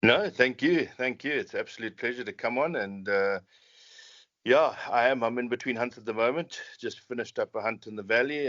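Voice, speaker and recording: A man from Zimbabwe in his forties speaks with a bright, forceful, lowish voice. He is friendly and hesitant, full of fillers, over slightly dull lo-fi audio. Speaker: professional hunter guest. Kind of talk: casual podcast interview.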